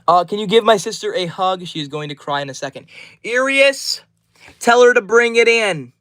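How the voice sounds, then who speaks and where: A man's voice: high voice, lively intonation, normal speed, sharp tone, no echo. A twenty-year-old man live streaming, reading out chat names and answering each message in a friendly, upbeat way. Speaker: livestreamer.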